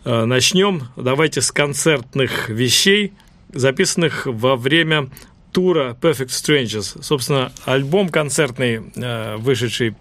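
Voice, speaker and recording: A man's voice: mid-range voice, unhurried, a bit bright. A man presenting a radio music show in a chatty, hesitant way, with folksy mock-formal touches.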